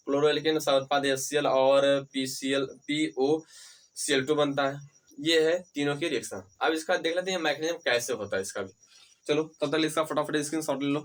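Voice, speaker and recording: A man's voice: fairly high pitch, a bit bright, recorded from a distance, poor audio. A man teaching a chemistry lecture. He asks questions and answers them himself, repeats key terms, and speaks to his students fondly and with encouragement. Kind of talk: whiteboard lecture.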